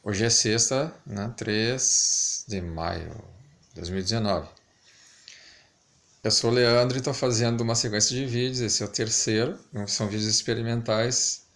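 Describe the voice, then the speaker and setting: A man's voice: mid-range voice, fairly bright tone. A man talking casually and reflectively to camera, hesitant, his articulation slightly lisped and stumbling from wearing a dental retainer. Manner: hesitant, reflective, pausing often. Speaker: amateur video maker.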